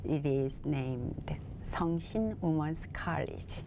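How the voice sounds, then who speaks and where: A woman from South Korea, a native Korean speaker with a Korean accent, answers questions as a TV interview guest, speaking in a measured way as she searches for words in English. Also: sits low, lively intonation, noisy background. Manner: measured, searching for words in her second language. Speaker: guest, bilingual facilitator.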